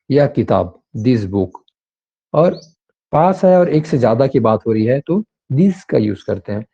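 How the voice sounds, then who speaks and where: Guy teaching grammar, slow patient explaining, kinda warm dark voice, muffled lo-fi audio. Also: medium pitch, gravelly. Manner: patient, repetitive explaining with many fillers. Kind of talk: online class lecture.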